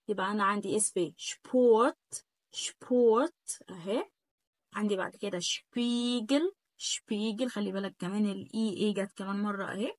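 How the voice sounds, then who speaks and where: A woman with an Egyptian Arabic accent teaching a German lesson in a chatty way, slowly repeating each word and checking "okay?" after every point. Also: mid-range voice, fairly bright tone, dry recording. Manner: drills words slowly, repeating them again and again. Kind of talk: casual spoken lesson.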